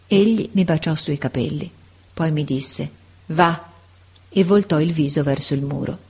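Female audiobook narrator, lowish voice, measured and expressive reading. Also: breathy edge. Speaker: audiobook reader. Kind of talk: scripted narration of a classic novel.

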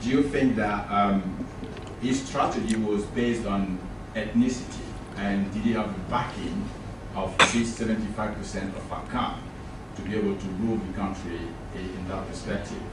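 A man with an Ivorian accent putting a formal question from the floor in a halting, hesitant way. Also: fairly low pitch, fairly even intonation. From Côte d'Ivoire. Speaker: audience member asking questions. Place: echoey room at a public talk. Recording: very echoey, distant, noisy room pickup.

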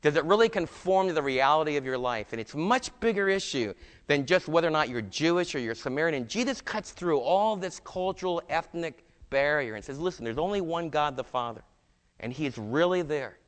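Middle-aged pastor guy preaching, kinda high voice, gets loud then real hushed, long echoey hall. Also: a little fast. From New York. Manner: animated, shifting between loud emphasis and hushed quiet lines; acts out quoted dialogue in his own voice. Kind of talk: sermon.

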